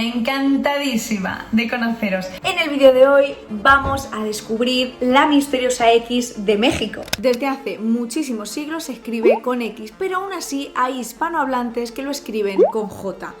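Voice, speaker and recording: Cheerful teacherly Spanish woman, high voice. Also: moderate pace. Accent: Peninsular Spanish. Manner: cheerful, expressive, chatty teacherly delivery. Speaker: language YouTuber. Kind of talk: educational vlog explainer. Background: background music.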